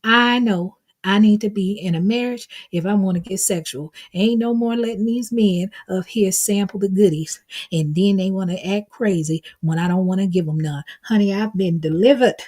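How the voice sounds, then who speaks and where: A middle-aged woman chats casually on her live stream and answers viewers' comments as they come in. Her voice is mellow and warm, at a middle pitch, and she keeps calling people baby and honey. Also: normal speed. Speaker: livestream host reading chat.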